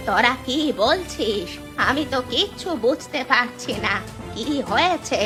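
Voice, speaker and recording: A woman's voice: a little high, animated, unhurried, pushed and bright, soft background music. A woman voicing a dramatic, scolding village woman in a cartoon, with an emphatic, reproachful delivery. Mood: indignant. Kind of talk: Bengali cartoon voice acting.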